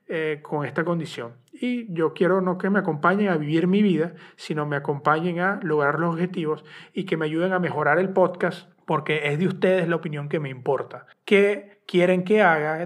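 A man in his thirties with a Venezuelan accent, hosting a podcast and talking candidly and earnestly straight to his listeners. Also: a little high. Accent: Venezuelan Spanish. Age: 30s. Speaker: podcast host. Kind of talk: personal podcast monologue.

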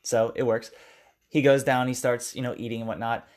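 A man's voice: mid-range voice, flat delivery, darkish tone. A man in casual chat, recapping a movie scene by scene and slipping into brief voices for the characters. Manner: retells scenes at length, acting out lines in quick character voices. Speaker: podcast co-host recapping a movie.

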